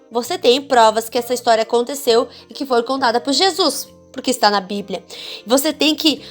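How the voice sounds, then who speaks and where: Expressive Brazilian woman teaching a course. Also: sits high. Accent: Brazilian Portuguese. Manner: expressive, addresses the viewer directly with frequent "tá?" and "né?"; demonstrates varied, theatrical intonation. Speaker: children's ministry teacher. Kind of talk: online course lesson.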